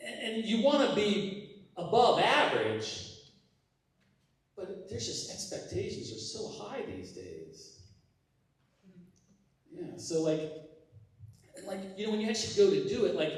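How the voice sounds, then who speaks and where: A man performs stand-up on a theater stage, his voice lively and a touch high, heard from some distance in a very echoey hall. He talks in a halting, deadpan way, stacking fillers between punchlines. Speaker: stand-up comedian. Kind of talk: stand-up comedy set. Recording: roomy hall sound from a distance. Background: audience laughing.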